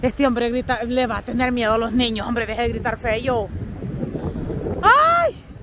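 A woman vlogging outdoors in the snow, shouting encouragement, laughing and teasing her family. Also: fairly high pitch, little pitch movement, moderate pace, background noise. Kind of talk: casual outdoor vlog chatter.

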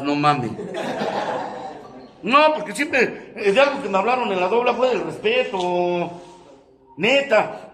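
A man with a Mexican accent giving a coarse, joking testimony at a recovery group, swearing constantly and breaking into shouts. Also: sits high, echoey room. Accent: Mexican Spanish. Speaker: speaker sharing his testimony at a recovery group. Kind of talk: profane testimonial talk.

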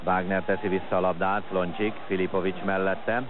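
A man giving excited live football commentary in short, clipped phrases. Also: deep voice. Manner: excited at chances and goals, calling play in short clipped phrases. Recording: noisy lo-fi match broadcast.

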